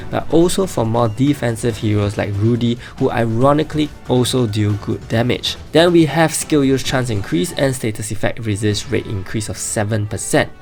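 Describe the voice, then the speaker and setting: A man with a gravelly, thick voice that sounds like swollen tonsils and a sore throat. He delivers a scripted game guide explainer at a medium pitch, with faint music underneath. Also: darkish tone. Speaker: game guide video creator.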